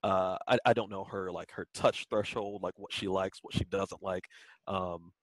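A man's voice: sits low, steady tone, moderate pace, dry recording, rough recording. A man co-hosting a podcast, talking candidly and loosely with lots of fillers in casual chat. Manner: candid, rambling, many fillers. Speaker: podcast co-host.

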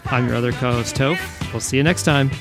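A man's voice: medium pitch, brisk, over music. A man co-hosting a podcast in casual chat, chatty and self-deprecating. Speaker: podcast co-host.

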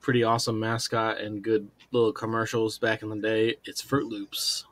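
A man's voice: on the low side, level tone, normal speed, a bit bright, dry recording. A man co-hosting a casual podcast, rambling and swearing with laughs. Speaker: podcast co-host. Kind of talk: casual chat.

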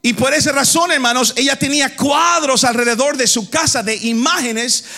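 A man from the Dominican Republic preaching an impassioned sermon, shouting some lines and chanting others in a sing-song cadence, calling his listeners brothers. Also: extremely high pitch, normal speed. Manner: keeps addressing the congregation as brothers.

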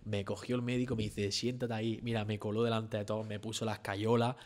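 A young man from southern Spain with an Andalusian accent, telling a story as a guest in a relaxed, slang-heavy chat. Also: fairly low pitch, brisk. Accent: Andalusian Spanish. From Almería, Spain. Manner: slangy, animated storytelling, full of street fillers. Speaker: rapper and freestyle battler, guest.

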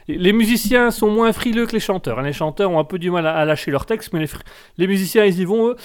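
A man's voice: high voice, clear, resonant tone. A man hosting a live web radio call-in show, addressing his listeners in a formal announcer manner while rambling through repeated restarts.

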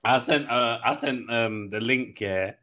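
A man's voice: mid-range voice, measured pace, bright, forceful tone. A man with a London roadman accent chatting casually about football, slangy, dismissive and repeating himself. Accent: London, urban street slang.

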